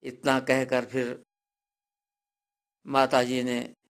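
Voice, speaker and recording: A man telling a devotional folk tale. He narrates dramatically and builds up to loud, cried-out passages. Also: medium pitch, monotone, very slow. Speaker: storyteller.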